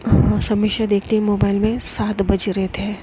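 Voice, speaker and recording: Woman narrating a love story, flat tone. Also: mid-range voice, normal speed. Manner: plain, conversational retelling. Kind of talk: casual audio story narration. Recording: noisy home recording with clicks.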